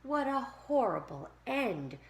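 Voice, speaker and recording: A woman's voice: on the low side, expressive, slow pace. A woman voicing a grumpy, greedy old male hermit crab in a storybook read-aloud, snapping and crying out in a raised voice. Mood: miserable. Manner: snappish, shouting when scared.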